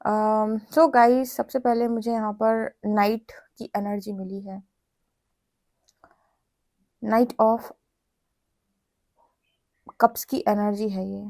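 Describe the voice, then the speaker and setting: A woman's voice: mid-range voice, flat delivery, slow pace, long pauses, darkish tone, no room sound. Chatty Indian woman tarot reader. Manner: chatty, addresses viewers directly in Hinglish. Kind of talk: tarot reading to camera.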